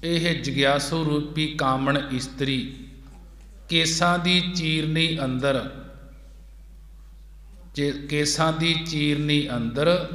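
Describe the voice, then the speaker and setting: A man preaching in a gurdwara hall, chanting scripture lines and then explaining them slowly, repeating each line. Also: a little high, steady tone, a bit bright. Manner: slow, measured, repeats each line twice. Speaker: Sikh preacher. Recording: echoey hall with long reverb.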